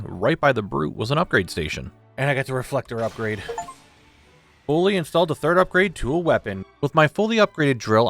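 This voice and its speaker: Young man, casual gaming voice-over, mid-pitched, joking recap style, light background music. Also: creaky, a bit bright, dry recording. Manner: informal, joking, occasional swearing. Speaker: gaming video creator. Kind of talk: casual scripted gameplay recap narration.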